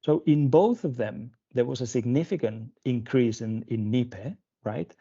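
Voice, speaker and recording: A pediatrician from Spain giving a webinar lecture, talking through slides with many fillers and restarts. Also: male voice, medium pitch, a little slow, warm tone, slightly rough. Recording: dull lo-fi webinar audio.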